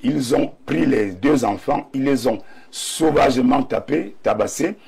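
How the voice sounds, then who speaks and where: Nursing a slight cold and clearing his throat, a Cameroonian-accented man comments emphatically as a debate panelist, stressing points by repeating key words. He speaks at a measured pace in a medium-pitched voice that is gravelly, a little mellow and edged with breath.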